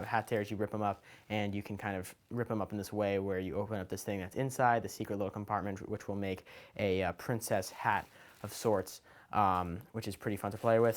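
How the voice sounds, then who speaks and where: A man talking casually as a children's magician, explaining his kit item by item in an informal, loosely improvised, hesitant way. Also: fairly low pitch. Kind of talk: casual show-and-tell explanation.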